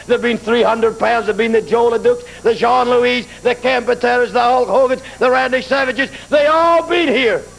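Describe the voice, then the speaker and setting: A man's voice: sits high, vocal fry, rough recording. A man cutting a brash wrestling promo on TV, trash-talking his rivals and tossing in "brother" again and again. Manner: brash trash talk, keeps saying "brother".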